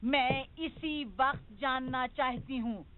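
Dubbed TV drama: indignant, insistent scolding mother, high voice, tinny phone-like sound. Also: fairly even intonation, takes it slowly, a little hiss or hum. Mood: stern.

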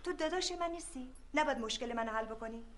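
A defiant wife caught between family. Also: female voice, high-pitched, expressive. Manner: sharp, defiant. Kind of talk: TV drama acting.

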